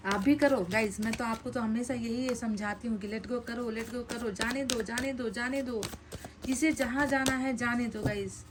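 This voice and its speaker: Animated woman reading tarot cards. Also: a little high, unhurried, noisy background. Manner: animated, repeats phrases for emphasis, mixes English words. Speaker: tarot card reader. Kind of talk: casual tarot reading to camera.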